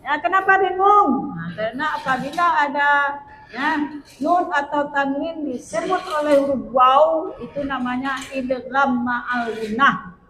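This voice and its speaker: A woman's voice: high voice, measured pace, pushed and bright, reverberant, big-room sound, rough recording. A woman teaching Quran recitation rules, chanting verses and patiently correcting common reading mistakes. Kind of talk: tajwid lesson with sung recitation.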